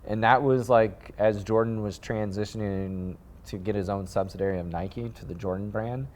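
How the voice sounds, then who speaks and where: A man from the American Midwest with a fairly low voice tells his story in a relaxed interview. He rambles and gets animated, circling back with fillers and restarts as he talks. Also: moderate pace. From Midwest United States. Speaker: guest, sneaker designer.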